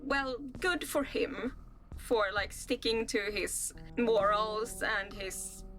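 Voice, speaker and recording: A woman's voice: on the high side, takes it slowly, fairly bright tone, soft background music. A young woman with a Swedish accent, hosting a casual reaction vlog, reading a list aloud and musing in rambling asides. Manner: rambling, musing asides between read-out passages. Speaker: channel host.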